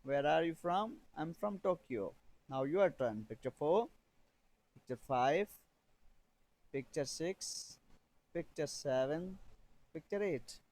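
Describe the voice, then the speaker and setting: A man teaching a beginner English lesson, reading drill sentences slowly and repeating phrases for learners to copy. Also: fairly high pitch, expressive, darkish tone, poor audio.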